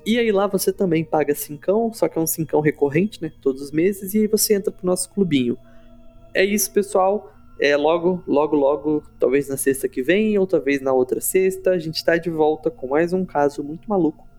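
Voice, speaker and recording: A man's voice: on the high side, fairly quick, a little mellow, faint music behind. A man with a Brazilian accent co-hosting a podcast in casual, playful conversation. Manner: informal, playful. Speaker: podcast co-host. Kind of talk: casual chat.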